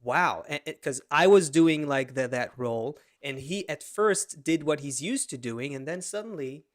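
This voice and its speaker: A man in his thirties, a podcast co-host, tells a story in casual conversation, animated and full of restarts, over a video call. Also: a little high, normal speed.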